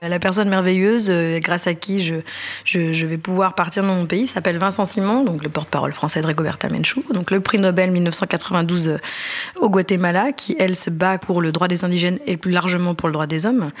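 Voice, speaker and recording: Lively, informal woman telling her story. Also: fairly low pitch. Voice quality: lively, informal, fast bursts. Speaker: interviewee, singer. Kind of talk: personal storytelling interview.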